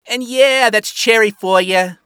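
A man's voice: high voice, unhurried, fairly bright tone, smooth, dry recording, clean studio sound, voice pushed up. A man voicing a world-weary, flamboyant male spider demon who swears and talks in slang, in a fan fiction reading. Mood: wry.

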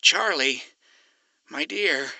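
A man's voice: high voice, expressive, pushed and bright, no room sound, voice pushed up, heavily acted. A man doing a haughty male radio demon. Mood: tender. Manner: slow, haughty, defiant.

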